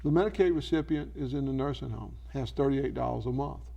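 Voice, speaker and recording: A man's voice: medium pitch, brisk, creaky, mellow, muffled recording. A man speaking as an advising expert in an infomercial interview, explaining didactically by posing questions and answering them himself. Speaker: elder law expert giving advice.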